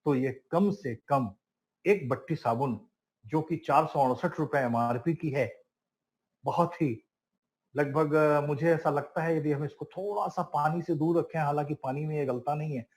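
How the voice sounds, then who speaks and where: A man's voice: fairly high pitch, a little slow, a little mellow, rough recording. A man giving a product training class, emphatic and listing items one by one, calling his listeners friends and asking them questions. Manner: emphatic, lists items one by one with rising stress.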